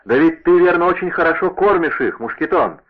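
A man voicing a bold young male musketeer who speaks in brisk exclamations. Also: fairly high pitch, animated, pitched above the performer's own voice. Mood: hearty. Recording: narrow radio-like sound.

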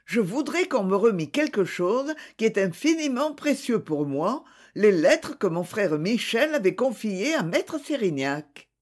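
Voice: medium pitch, sing-song, unhurried, few pauses. A reader voicing a young woman pleading with a prosecutor in an audiobook. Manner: imploring, emotional.

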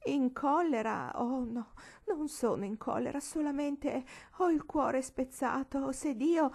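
Woman putting on a high, wailing older lady, self-pitying, drawn-out, storybook reading. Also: vocal fry, darkish tone, full character voice. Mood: wounded wailing.

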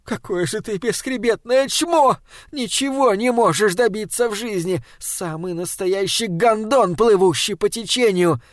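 A man's voice: fairly high pitch, expressive, normal speed, few pauses, no echo, clean studio sound, lightly acted. A man voicing a furious, scornful young woman in an audiobook, screaming insults and sneering.

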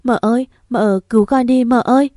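A woman's voice: on the high side, fairly even intonation, brisk, warm tone, no echo, studio quality, voice pushed up, natural voice. A woman voicing a young pregnant servant woman who begs through tears, with a choked voice, in a storybook reading. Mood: pleading, tearful. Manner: choked, begging. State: crying.

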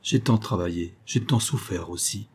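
A man reading the part of a weathered older boatman and former convict, low-voiced, humble and eager to serve. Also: normal speed, darkish tone, slightly rough. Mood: earnest.

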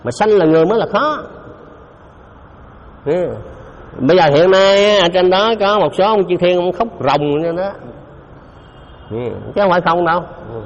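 A man's voice: sits high, a little hiss or hum. A man giving a Buddhist dharma talk, speaking conversationally and often putting questions to his listeners. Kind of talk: dharma talk to a live audience. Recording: dull lo-fi recording in a reverberant hall.

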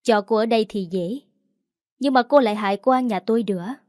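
A woman's voice: a little high, brisk, a little mellow, dry recording, studio quality, close to an everyday voice. A woman narrator voicing a scornful older woman who speaks in a mocking, contemptuous way.

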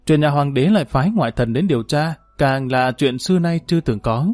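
A man's voice: a little high, lively intonation, a little fast, a little mellow, no room sound. A man narrating a historical novel, reading steadily and lifting his voice when characters speak. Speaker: audiobook narrator.

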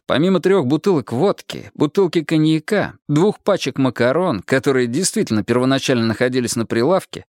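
Man as calm lieutenant, formal, measured delivery, slightly raised pitch. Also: no room sound, clean studio sound, close to an everyday voice. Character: calm patient male police lieutenant interrogator.

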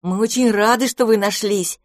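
A woman's voice: medium pitch, moderate pace, no echo, studio quality, voice pushed up, close to an everyday voice. A woman voicing a polite, proud little domovoy boy in a storybook, speaking earnestly.

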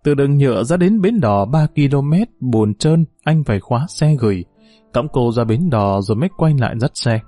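A man reading a novel aloud in steady, measured storytelling narration. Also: mid-range voice, no echo, soft background music.

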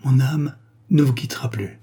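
A man's voice: medium pitch, moderate pace, vocal fry, dark tone, breathy edge, voice pushed up. A man voicing a frail, serene young girl on her deathbed, speaking in a faint, weakened voice that sometimes drops to a whisper, as in a read-aloud novel.

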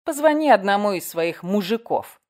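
A woman's voice: medium pitch, expressive, normal speed, a little mellow, pitched above the performer's own voice, lightly acted. A woman reading an audiobook, voicing a sarcastic woman editor who teases and mocks her frightened friend. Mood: mocking. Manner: sarcastic, giggling, teasing. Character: mocking sharp-tongued woman editor, teasing.

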